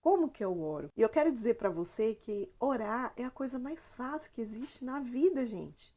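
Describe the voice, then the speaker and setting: A Brazilian woman giving an informal, earnest devotional talk, her voice hoarse and strained as if from swollen tonsils. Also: a little high, normal speed, mellow. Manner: earnest, explanatory, addresses listeners directly. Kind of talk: informal devotional talk to camera with scripture reading.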